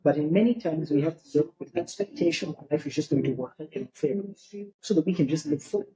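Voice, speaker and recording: A man's voice: on the high side, quick pace, crowd noise, low-quality recording. A middle-aged man from Barbados, a podcast guest talking in a reflective, philosophical way in casual conversation.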